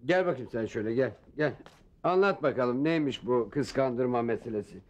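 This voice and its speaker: A man's voice: medium pitch, expressive, normal speed, darkish tone, dull audio, close to an everyday voice. An actor playing a suspicious, grumpy father who questions his family in a teasing tone. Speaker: father, head of the house. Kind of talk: sitcom acting.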